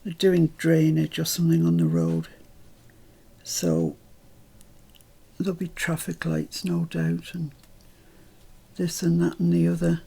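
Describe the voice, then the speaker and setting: A woman's voice: deep voice, takes it slowly, creaky, pauses often, mellow, husky. An older British woman chatting through a crafting tutorial at home, rambling into asides as she works.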